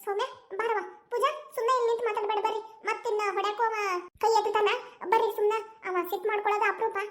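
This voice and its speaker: Stern cartoon mom, older, protective, very high-pitched, North Karnataka accent, voice artist. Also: level tone, fast talker, fairly bright tone. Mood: firm scolding. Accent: North Karnataka Kannada. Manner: firm, scolding. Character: older mother, firm, protective mother-in-law.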